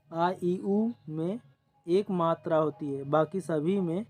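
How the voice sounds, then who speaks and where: A male exam-coaching teacher speaks very slowly in a somewhat high voice. He goes over every rule twice and checks in with the class through short prompts. Faint music plays underneath. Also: darkish tone. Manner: repeats definitions slowly, checks in with "ok", "theek".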